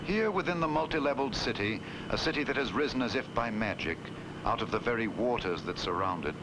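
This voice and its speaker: A man reading scripted, poetic documentary narration in a solemn, grand, oratorical manner with dramatic pauses. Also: medium pitch, lively intonation, background noise. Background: loud music.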